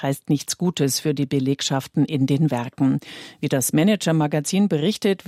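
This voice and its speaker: Male news anchor, dry close studio sound, steady reading. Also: fairly high pitch, no echo. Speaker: news presenter. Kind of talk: scripted news presenting.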